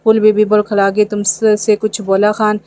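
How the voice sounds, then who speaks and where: Female narrator for a romance novel. Very flat and even delivery, mellow tone, same voice for every character. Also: mid-range voice, normal speed.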